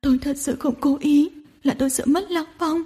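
A woman's voice: high-pitched, moderate pace, warm tone, voice pushed up, close to an everyday voice. A woman reading a storybook and voicing a tearful, clingy young woman who pleads between sobs. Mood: sobbing, pleading. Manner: sobbing, pleading, breathy.

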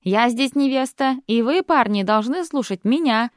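A woman voicing a bossy, theatrical young bride who speaks in loud, emphatic declarations in an audiobook. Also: high voice, sing-song, moderate pace, dry recording, clean studio sound. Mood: commanding.

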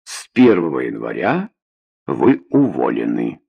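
A man voicing a cold, smug male boss in an audiobook, dropping his voice very low. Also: wildly swooping pitch, unhurried, creaky, dark tone, slightly rough, heavily acted. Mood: gloating. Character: cold, gloating male boss firing an employee.

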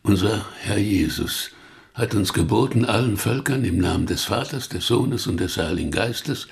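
A man playing an ailing, irritable old pope with gout, in a radio play. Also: fairly low pitch. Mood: probing. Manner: slow, gravelly, grumbling.

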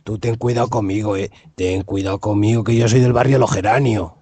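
A man voicing a touchy tough guy from a rough Sevillian neighborhood, with a put-on Sevillian accent, blustering and threatening. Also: on the low side, steady tone, fairly quick, warm tone, close to an everyday voice. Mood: indignant. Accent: Sevillian Andalusian, put on.

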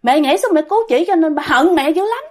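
A woman's voice: high voice, animated, fast talker, a little mellow. A woman voicing the ghost of a drowned little boy, plaintive and calling out again and again. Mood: earnest.

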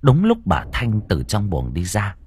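A man narrating an audio horror story in an expressive, dramatic way. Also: lowish voice, a little slow, breathy edge.

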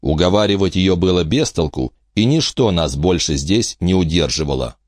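A man narrating a first-person audiobook in a low, lively voice. His pitch rolls up and down expressively, and the sound is dry and close. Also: normal speed, no echo. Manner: expressive storytelling.

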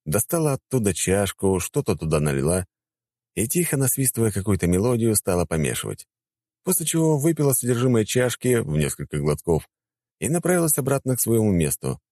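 Deep-voiced male audiobook narrator. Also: a little fast, no echo. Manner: calm, wry, laid-back.

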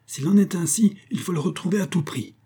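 A man doing a shrill, ruthless veiled gang leader. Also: lively intonation, brisk, husky. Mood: furious. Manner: commanding, shouting orders.

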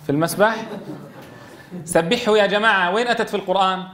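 A man teaching a Quran recitation class, calling on students by name and reciting verses slowly. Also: sits high, fairly bright tone. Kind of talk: classroom tajweed lesson.

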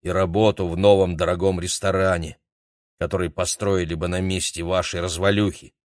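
A man voicing a sullen cook who confesses grudgingly in a plain, low voice. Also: level tone, a little fast, dry recording, clean studio sound, lightly acted. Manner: grudging, matter-of-fact.

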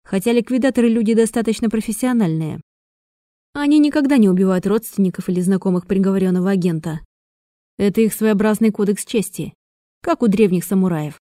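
A woman voicing a calm, self-assured male agent who explains things with conviction. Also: medium pitch, brisk, no room sound, clean studio sound, close to an everyday voice. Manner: confident, explanatory.

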